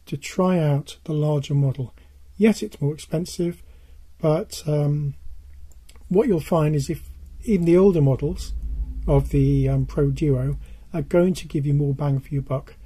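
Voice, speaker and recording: An older man presenting casually in a halting way, his hoarse, worn voice giving out as he stresses his points. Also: on the high side, warm tone. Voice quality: husky, dull and worn. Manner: halting, repeats points for emphasis. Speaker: presenter of a music tech video. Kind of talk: casual product-advice talk.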